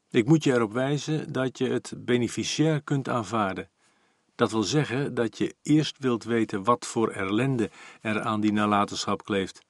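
A man's voice: medium pitch, no room sound, studio quality, lightly acted. A man voicing a jovial, blunt older male notary who talks in a hearty, slightly teasing way.

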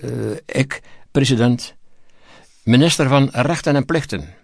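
A man's voice: mid-range voice, measured pace, no echo. A man voicing a cautious male minister who speaks hesitantly and deferentially, recorded dry and close. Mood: timid.

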